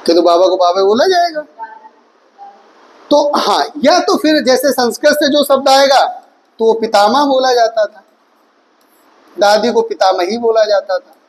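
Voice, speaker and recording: A man with a strikingly high voice teaches an online exam-prep class. He reels off word lists and keeps asking rhetorical questions, speaking to his students fondly as his children. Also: unhurried, long pauses, rough recording. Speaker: Hindi teacher.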